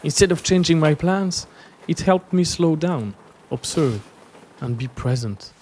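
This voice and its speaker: An artist presenting his journey, this native French speaker from French-speaking Switzerland gives reflective, scripted travel storytelling in a Swiss French accent. His slightly high, darkish voice is expressive and measured in pace, with slight background noise.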